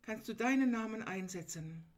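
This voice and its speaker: A woman's voice: a little high, lively intonation, normal speed. A woman preaching a sermon, retelling a gospel scene earnestly and turning to her listeners with direct, emphatic appeals.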